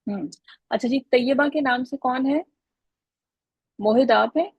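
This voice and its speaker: A woman's voice: high voice, a little slow, slightly rough, dry recording, poor audio. A woman teaching an Arabic grammar lesson online over a video call, patiently calling on students by name.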